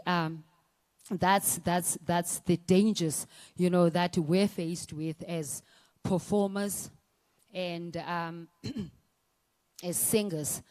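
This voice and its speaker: A woman's voice: on the low side, a little mellow. A woman, a singer giving a personal testimony talk at a conference, hesitant, with many fillers and restarts. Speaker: singer and performer sharing her story.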